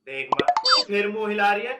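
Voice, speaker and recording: An actor playing a hot-tempered young village husband, who scolds loudly and shouts in exasperation. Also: male voice, sits high, huge pitch swings, brisk, very noisy. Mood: shouting confused. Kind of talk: rural comedy film acting.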